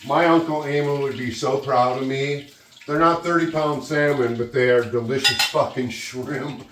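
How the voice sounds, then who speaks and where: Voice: medium pitch, fairly even intonation, moderate pace. A giggly, tipsy-sounding cooking host rambling casually to camera, exclamatory and free with swearing. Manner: profane, exclamatory. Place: roomy kitchen. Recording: echoey, distant mic, loud sizzle noise. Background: frying sizzle and stirring.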